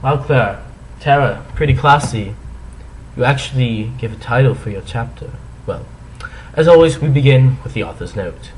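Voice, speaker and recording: A man's voice: medium pitch, expressive, moderate pace, darkish tone, slight background noise, rough recording. A man giving a comic dramatic reading, theatrical in delivery, with sarcastic asides as he comments on the text. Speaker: reader and commentator.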